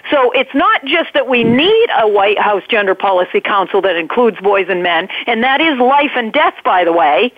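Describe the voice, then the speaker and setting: On a call-in show, a woman with a New England accent makes an earnest, emphatic case as a guest advocate, piling up one point after another in a fast flow. Her voice is a little high and sing-song, carried over a tinny, dry phone line with no echo.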